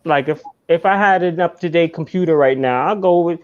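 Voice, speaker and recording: A man's voice: fairly high pitch, brisk, dull audio. A man hosting a podcast in casual chat, laid-back and swearing freely. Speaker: podcast host.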